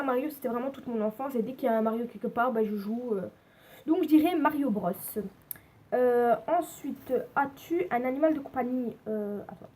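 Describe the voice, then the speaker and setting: A young woman from France chatting casually on her home vlog, answering tag questions with many pauses and fillers. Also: a little high, a little mellow, breathy edge. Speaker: vlogger. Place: home bedroom with neighbour noise.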